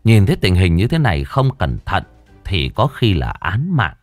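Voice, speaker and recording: A man's voice: low voice, huge pitch swings, moderate pace, dry recording, soft background music. A man narrating a comic folk tale in a playful, exclamatory way. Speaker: storyteller.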